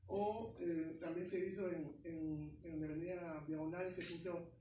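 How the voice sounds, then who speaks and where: A man's voice: fairly high pitch, fairly even intonation, measured pace, dark tone, slight background noise. A middle-aged man speaking as a guest to a class, explaining things with fillers and self-corrections. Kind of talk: informal classroom talk. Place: university classroom. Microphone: far camera phone. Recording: echoey classroom from far off.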